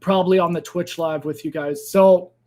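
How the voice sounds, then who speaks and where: High-voiced chatty crypto streamer man. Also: steady tone, moderate pace, dark tone. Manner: chatty, loose, addresses viewers as guys and fam. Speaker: crypto livestream host. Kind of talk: casual live trading stream chat.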